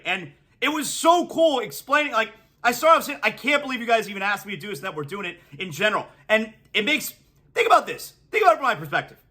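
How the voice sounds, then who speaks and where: A man in his forties with a high-sitting voice hosts a solo sports podcast. He talks energetically and excitably, reading sponsor spots between riffs on the games.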